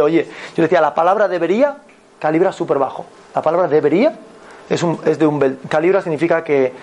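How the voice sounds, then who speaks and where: A man with an accent from Spain giving a motivational talk as a personal growth mentor, animated and repetitive, often checking in with his listeners. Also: on the high side. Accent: Spain Spanish.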